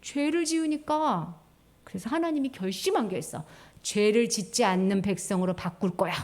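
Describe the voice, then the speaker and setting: A woman preaching a children's sermon in a church, who tells the story with lively questions to the listeners. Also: mid-range voice, normal speed. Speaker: children's pastor.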